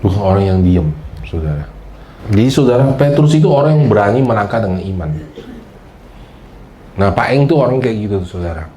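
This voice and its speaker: A man preaching a sermon as pastor, lively and joking, acting out the prayers he quotes and often addressing his listeners directly. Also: fairly low pitch, fairly quick, long pauses.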